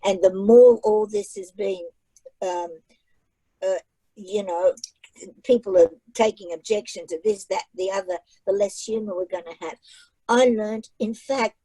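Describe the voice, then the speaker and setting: Over a video call, a woman author whose first language isn't English gives a casual online library talk, chatty and emphatic, repeating phrases for effect. She migrated to Australia at nine. Her voice is medium-pitched, mellow and slightly rough, and she speaks a little slowly; the audio is poor, with no room sound.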